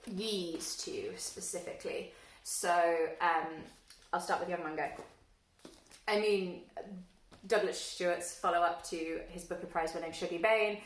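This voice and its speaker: Speaking unhurriedly in a lowish voice, a book vlogger from London casually introduces herself on camera. She's wry and self-deprecating, using many fillers, and the echoey room and slight distance from the mic color the sound.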